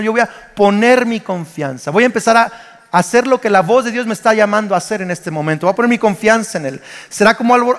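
A man in his forties with a Mexican Spanish accent, preaching a sermon as pastor and telling stories with animation. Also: sits high. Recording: long reverb of a church hall.

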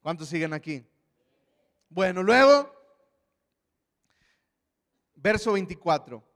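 High-voiced preacher in a hall. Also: male voice, takes it slowly. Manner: animated, acts out voices of biblical figures. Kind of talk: lively sermon with acted Bible dialogue.

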